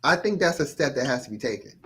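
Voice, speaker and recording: Animated man with a lively voice. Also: mid-range voice, fast talker. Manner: animated, swearing, acts out quotes. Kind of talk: casual podcast chat.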